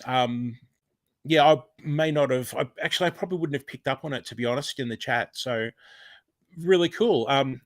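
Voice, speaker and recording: A man's voice: mid-range voice, no echo. Chatty Australian man hosting a live stream. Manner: chatty, rambling, with many fillers and restarts; warm thanks to viewers, often exclaiming. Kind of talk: casual live chat reading comments.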